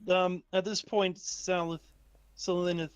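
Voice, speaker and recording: A man narrating a tabletop game as game master, often halting and correcting himself. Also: sits high, flat delivery, clear, resonant tone, no room sound, lo-fi sound. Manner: halting, self-correcting delivery.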